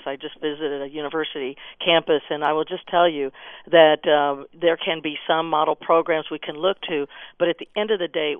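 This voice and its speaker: A woman's voice: sits low, dry recording. A woman guest on a radio panel, arguing earnestly with many restarts. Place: phone line from elsewhere. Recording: tinny phone line, dry.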